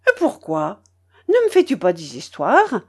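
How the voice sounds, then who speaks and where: A woman voicing an imperious, excitable old grandmother at the roulette table, giving shrill, bossy commands in an audiobook reading. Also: measured pace, breathy edge, heavily acted. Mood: excited.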